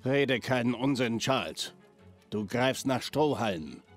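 A man's voice: mid-range voice, expressive, measured pace, faint music behind, close to an everyday voice. An actor playing a bitter, domineering old man in a video game, with a stern and contemptuous manner. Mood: cold, dismissive. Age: older. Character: cold, bitter, domineering old patriarch with underworld past. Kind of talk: dramatic video game acting, German dub.

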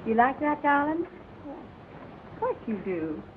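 A woman's voice: sits high, sing-song, unhurried. An actress playing a doting young frontier wife and mother in a 1930s film melodrama. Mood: tender. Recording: tinny noisy 1930s film soundtrack.

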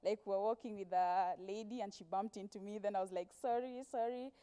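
With a steady, clean, mellow tone in the mid range, she speaks a little fast. The twenty-something Kenyan actress is a casual TV interview guest on a studio sofa, relaying stories through quoted speech into a clip-on mic.

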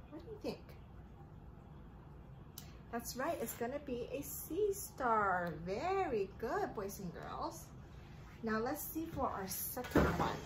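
Indoors in a living room, with background noise around her, a woman in her thirties reads aloud and teaches children. Her voice runs on the high side, and she asks simple questions in a lilting, sing-song story-time manner.

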